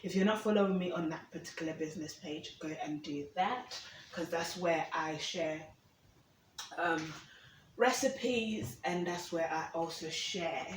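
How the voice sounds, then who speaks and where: Fairly low in pitch and a little slow, the woman's voice comes with slight background noise. She is a cooking vlogger from Uganda making casual conversation in her home kitchen while prepping food, regularly saying "okay?". The distant camera mic makes it sound roomy, with faint ambience.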